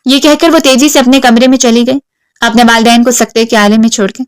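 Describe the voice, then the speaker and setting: A woman narrating a romance novel as a steady, dramatic storybook reading. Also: on the high side, clean tone, dry recording.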